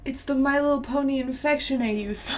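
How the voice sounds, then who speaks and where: A woman's voice: sits high, a little fast, slight background noise. A young woman streaming, reading an old horror story aloud and breaking off with giggly, sarcastic commentary. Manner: giggly, sarcastic, laughs often mid-sentence.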